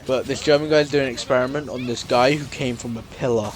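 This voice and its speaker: A man's voice: mid-range voice, fairly even intonation, fairly quick, crowd noise. A man co-hosting a casual podcast, recapping a story in a rambling way with lots of fillers and restarts. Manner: rambling, full of fillers and restarts, slips into silly quoted voices. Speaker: podcast co-host.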